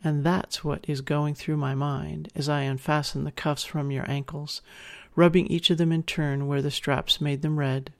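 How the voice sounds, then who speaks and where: Creaky-voiced intimate narrator, mid-pitched. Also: little pitch movement, normal speed. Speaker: narrator speaking as a dominant partner. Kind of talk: intimate second-person erotic audio narration.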